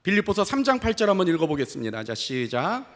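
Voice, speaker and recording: High-voiced, lively male pastor preaching. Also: quick pace. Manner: animated preaching with rhetorical questions and frequent affirming fillers. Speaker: senior pastor. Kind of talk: sermon. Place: church sanctuary. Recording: long church hall reverb.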